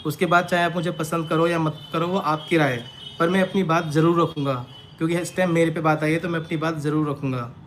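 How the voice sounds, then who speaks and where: Fairly high and bright, his voice stays level and runs a little fast as he responds unscripted to accusations from followers. He sounds defensive and emphatic, circling back to the same points, and the live-stream audio is noisy with ambient sound.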